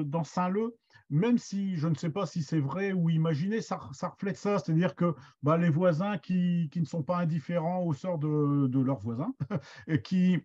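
A middle-aged man teaches an online master class, his fairly high, warm voice recorded with the highs cut off. His explanation is loose and hesitant, full of restarts and fillers.

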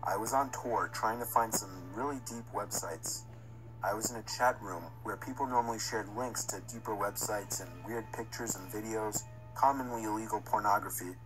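A man's voice: lowish voice, normal speed, rough recording. A man reading a scripted first-person horror story as its narrator. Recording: music under the narration. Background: music.

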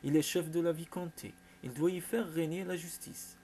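A man voicing a blunt, gruff older medieval lord who talks in a stern, lecturing way. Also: on the high side, fairly even intonation, moderate pace, mellow, a little hiss or hum, lightly acted.

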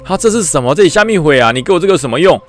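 A man's voice: fairly high pitch, expressive, very fast, pitched above the performer's own voice, close to an everyday voice. A man voicing a skinny, anxious young soldier who complains in a whiny, panicky way, over faint music.

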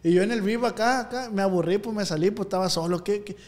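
A man tells slangy stories on a casual podcast, slipping into the voices of the people he describes. His voice sits a little high for a man. The room carries a long, ringing reverb. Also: fast, a little mellow. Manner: slangy storyteller, acts out voices in anecdotes. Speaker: podcast host.

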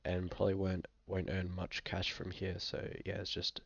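Under the weather and coughing occasionally, a young Aussie man talks at a moderate pace in a flat, low voice with some fry. He's a fantasy football vlogger doing casual screen-share commentary in a small indoor room, relaxed and hesitant with frequent fillers. The webcam sound is dull, with no room sound.

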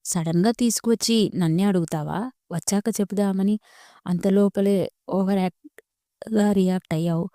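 A woman's voice: medium pitch, steady tone, moderate pace, long pauses, dark tone, no room sound, studio quality, lightly acted. A woman voicing a timid, sulky young wife in her mid-twenties in a storybook reading, speaking in a pleading way.

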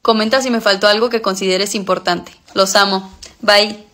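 A woman's voice: mid-range voice, fairly even intonation, moderate pace, a bit bright. A woman in her twenties presenting a short list video to viewers indoors, with noise and clicks. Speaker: content creator, new mother. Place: small room indoors.

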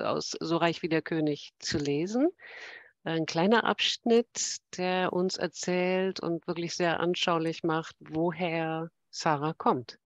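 A woman's voice: on the low side, dry recording. A woman moderator at a literary event, formally inviting the guests to read and framing each passage. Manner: polite and formal, introducing readers. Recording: dull, muffled sound.

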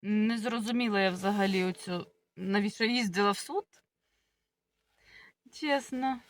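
A woman's voice: medium pitch, unhurried. A young woman with a sore throat, chatting casually to her viewers about everyday matters. She rambles and restarts, sounding puzzled. Her first language is Russian. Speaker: village-life vlogger. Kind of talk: casual talk to camera.

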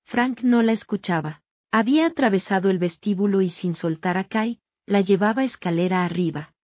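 A woman narrating a romance audiobook in a steady storytelling manner, slowing down for the dialogue. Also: medium pitch, no echo. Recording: dry, slightly dull audio.

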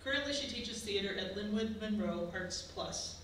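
A woman's voice: mid-range voice, lively intonation, normal speed, fairly bright tone, slight background noise. A woman moderating a panel, reading out introductions and posing questions. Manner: reads the introduction, then asks questions. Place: large lecture room, indoors. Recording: echoey room from far off.

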